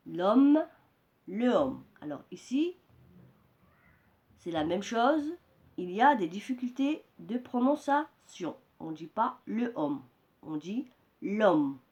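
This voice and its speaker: Woman teacher, unhurried, deliberate classroom delivery, repeats for emphasis. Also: fairly high pitch, sing-song. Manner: deliberate, repeats key words for students. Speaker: French teacher. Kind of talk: slow classroom explanation.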